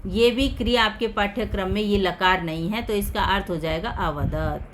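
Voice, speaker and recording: A woman's voice: mid-range voice, normal speed, background noise. A woman Sanskrit teacher explaining a text word by word, repeating each term and asking and answering her own questions.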